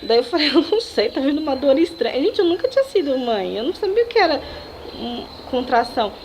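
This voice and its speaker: A young Brazilian woman vlogger telling a personal story to camera, animated and emotional, often laughing and acting out what people said. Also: high voice, fast, slight background noise. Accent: Brazilian Portuguese. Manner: animated, emotional retelling with laughs and dramatic quotes.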